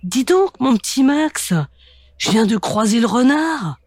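A woman's voice: sits high, measured pace, no echo, clean studio sound, voice pushed up. Woman doing a chatty wolf granny. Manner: chatty, lively. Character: easygoing wolf grandmother.

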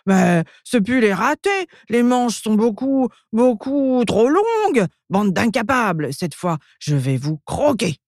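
A woman voicing a grumpy, bossy female ogre in a children's storybook, gruff and menacing. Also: very deep voice, unhurried, mellow, dry recording, clean studio sound, heavily acted. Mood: furious.

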